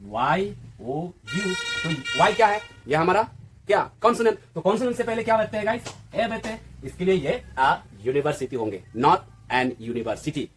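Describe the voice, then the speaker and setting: A man teaches a classroom-style English grammar lesson in a high, expressive, fairly quick voice. He keeps posing questions to the viewer and answering them himself.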